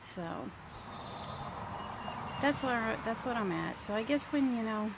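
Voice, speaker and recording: A woman in her early fifties chatting casually to viewers as a vlogger, rambling reflectively and pausing mid-sentence. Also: on the high side, lively intonation, very noisy. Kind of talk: casual chit-chat mukbang vlog.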